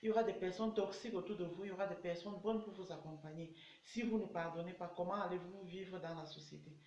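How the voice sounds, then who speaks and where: A woman's voice: lowish voice, quick pace, darkish tone. Earnest woman coach in an echoey room. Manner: earnest, repetitive exhortations. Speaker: personal development coach. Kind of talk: motivational video talk. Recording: echoey room, dull lo-fi sound.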